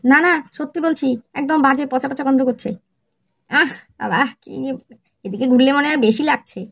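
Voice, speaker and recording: A woman with a high-sitting voice narrates a comic family skit at a brisk clip, acting out dialogue. She plays a nagging, exasperated wife.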